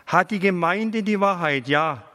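A man's voice: high-pitched, a little slow, pushed and bright, long reverb tail, pitched above the performer's own voice. A man reading aloud and voicing the quoted words of a dying elderly pastor, in a raised, earnest, pleading tone.

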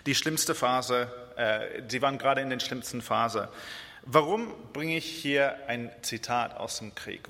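A man from Israel preaching a sermon in German, earnest, with hesitations and slow repeated phrases for emphasis. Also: mid-range voice, sharp tone. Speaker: guest preacher. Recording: reverberant church hall.

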